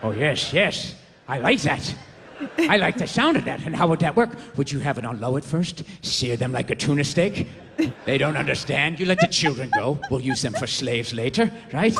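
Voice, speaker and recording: A man's voice: fairly high pitch, big pitch swings, creaky, noisy background, voice pushed down. A man voicing a sinister, gloating elite man with a transatlantic accent, plotting with others at a big table. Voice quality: slow, gloating, villainous purr. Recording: reverberant stand-up hall, faint ambience.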